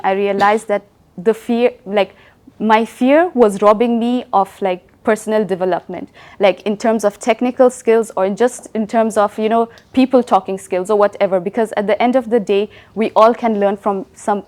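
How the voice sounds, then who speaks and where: Young woman giving a relaxed company talk. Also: medium pitch. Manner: conversational, often asks "right?". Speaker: presenter. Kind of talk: company talk with audience questions.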